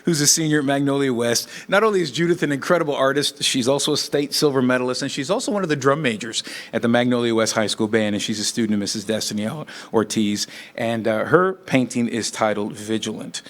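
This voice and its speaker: A man's voice: medium pitch, quick pace, few pauses. A man presenting student awards at a school board meeting, reading out long lists of names with filler words.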